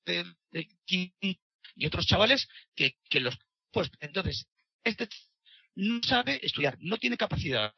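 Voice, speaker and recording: A man's voice: high-pitched, husky, dry recording, highs cut off. A man speaking in a discussion, indignant and hesitant, often restarting his sentences. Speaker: participant in a discussion. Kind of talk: casual debate talk.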